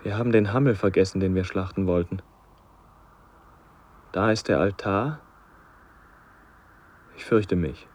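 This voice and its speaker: An actor playing a frightened young son facing sacrifice, speaking in a hushed, hesitant, fearful way in a radio play. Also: male voice, deep voice, measured pace, pauses often. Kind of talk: vintage radio play acting.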